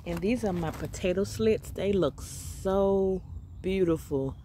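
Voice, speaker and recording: A woman giving a casual walk-through of her container garden, upbeat and grateful, chatting with pauses and fillers as she films on a phone held close. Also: mid-range voice, mellow, a little hiss or hum. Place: outdoor container garden on gravel. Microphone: phone camera held close while filming plants.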